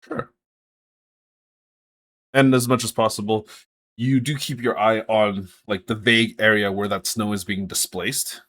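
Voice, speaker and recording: A man's voice: lowish voice, steady tone, unhurried, long pauses, fairly bright tone. A man narrating a tabletop game as game master in a casual way, full of fillers. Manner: casual, filler-heavy descriptions.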